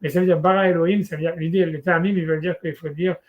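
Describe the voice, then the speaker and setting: This man's voice is a little high, and he talks fast while teaching Torah in a laid-back one-on-one session. His casual speech is full of restarts and fillers, and the audio sounds narrow and tinny.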